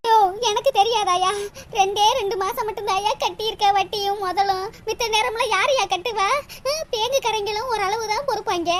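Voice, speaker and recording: A woman voicing a high-pitched tearful young wife. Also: normal speed, crowd noise. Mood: lamenting. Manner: lamenting and reproachful, often tearful. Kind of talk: cartoon voice acting.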